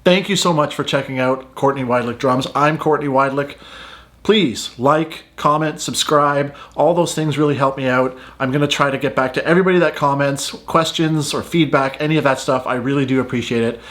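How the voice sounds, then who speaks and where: A man's voice: medium pitch, normal speed, a bit bright. A man hosting his own channel, chatting in an upbeat, enthusiastic way with plenty of fillers. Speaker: drummer and channel host. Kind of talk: casual vlog chat. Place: outdoors in cold weather at a farm shop; his home studio.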